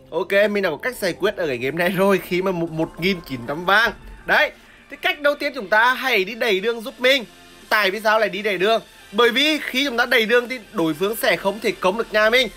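A woman's voice: mid-range voice, pushed and bright. A woman giving live gameplay commentary, explaining her strategy and crying out and repeating words during fights. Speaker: gameplay streamer.

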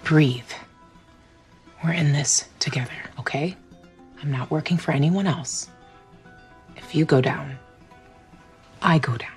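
A woman's voice: low-pitched, steady tone, brisk, long pauses, faint music behind, close to an everyday voice. An actress in her thirties playing a cool, controlled, seductive lawyer in a TV comedy-drama. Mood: cool, intense.

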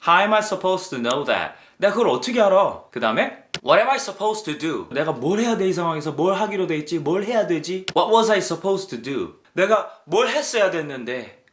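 Lively, animated man teaching English. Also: sits high. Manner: animated, acts out example lines, slow drilled English phrases. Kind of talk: lively video lesson. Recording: echoey room.

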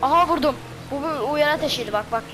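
Woman doing let's-play commentary, high voice, excitable shouting, game music behind. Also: fast talker. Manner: excitable, shouting reactions, chatty. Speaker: game streamer. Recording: voice over loud game music.

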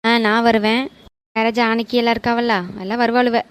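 A woman's voice: a little high, flat delivery, a little fast, clear, resonant tone, close to an everyday voice. A woman voicing a nosy, teasing young female friend. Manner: teasing, probing.

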